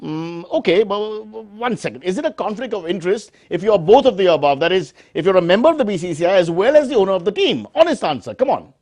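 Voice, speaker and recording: An Indian-accented man delivers mock news as a parody news anchor. His voice is high and very animated, swinging from mock-serious announcing to exasperated asides. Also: quick pace, hardly any pauses. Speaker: host of a news satire show.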